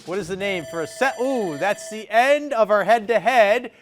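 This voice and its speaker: Over music, a Maine-accented man hosts a TV studio quiz show, reading questions on air. His voice sits a little high, he keeps a brisk, upbeat pace, and he tosses out a quick reaction to each answer.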